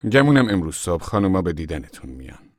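A man's voice: sits low, very animated, no room sound, studio quality. Man doing a chatty friendly camp manager. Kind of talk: audiobook character voice.

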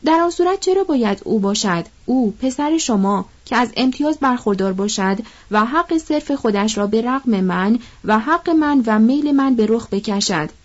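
A woman's voice: a little high, expressive, few pauses, dull audio. A woman reading an audiobook, voicing a proud, defiant young mother who speaks bitterly. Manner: bitter and fiery.

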